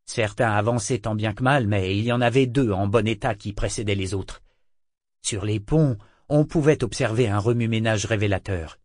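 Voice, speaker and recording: A man narrating a novel aloud in a measured, steady reading style. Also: on the low side, dry recording, studio quality. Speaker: audiobook narrator. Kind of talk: scripted narration with character voices.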